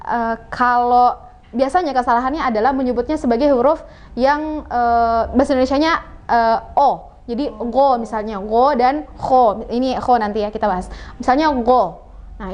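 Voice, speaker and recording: A woman teaching Quran recitation on a television program, patiently explaining and repeating sounds slowly for learners. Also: a little high, darkish tone. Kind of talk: televised religious lesson.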